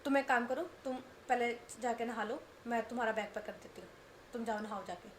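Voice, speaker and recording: A calm, caring young woman, as a woman narrator puts her on, reassures and soothes in a storybook romance. Her voice sits slightly high, with faint noise behind. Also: brisk, lightly acted. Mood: soothing.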